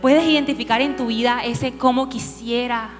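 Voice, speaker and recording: A woman preaching a sermon, telling a story with lively asides and questions to the audience. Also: a little high, normal speed. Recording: hall reverb with faint music.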